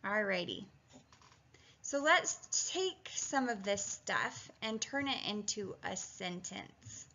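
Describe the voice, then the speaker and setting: A woman with a mid-range, expressive voice, pushed and bright, speaks at a slow pace. She is a reading and spelling teacher giving a video phonics lesson, chatty and encouraging as she walks students through steps, thinking aloud and sounding out words syllable by syllable. The lo-fi recording sounds dull.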